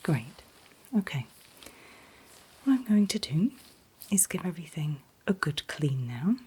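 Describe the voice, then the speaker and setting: A woman doing a whispered role-play as a calm dentist, speaking in a breathy whisper with gentle, reassuring, unhurried instructions. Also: low-pitched. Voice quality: breathy, mostly unvoiced whisper. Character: calm, attentive dentist soothing a patient. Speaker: ASMR performer playing a dentist.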